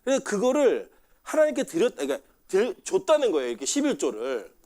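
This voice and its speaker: A man's voice: high-pitched, huge pitch swings, fairly quick, warm tone. A man preaching a sermon as pastor, talking conversationally, putting questions to the congregation and acting out quoted lines.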